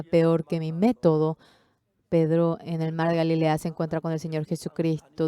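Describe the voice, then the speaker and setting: A woman interpreting a Sunday sermon, delivering it emphatically and pushing her voice up high on the key phrases. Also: a little mellow, clear, resonant tone. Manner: emphatic, with pitch rising sharply on key phrases.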